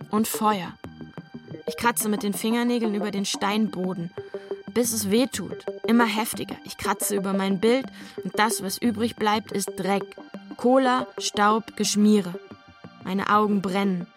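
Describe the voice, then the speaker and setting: A woman's voice: medium pitch, steady tone, measured pace, over music, natural voice. Woman narrating as a troubled young boy. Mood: numb. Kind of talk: scripted radio drama narration.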